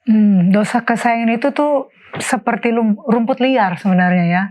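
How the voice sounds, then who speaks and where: A woman's voice: a little high, normal speed, a little mellow. A woman in a casual Bible study discussion, explaining her point with homely, everyday examples. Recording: dull lo-fi sound.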